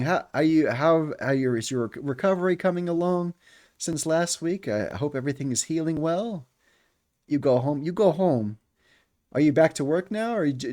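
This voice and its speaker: Brief: friendly male game streamer, stammers, animated intonation. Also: fairly high pitch. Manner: stammering, friendly, drawn-out phrases. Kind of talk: casual game stream chat. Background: game music.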